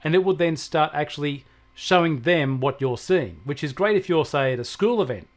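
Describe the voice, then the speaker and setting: An Australian man appears as a technology expert guest, answering questions and explaining tech conversationally with everyday examples. His voice is a little high, with lively intonation and a normal speaking speed.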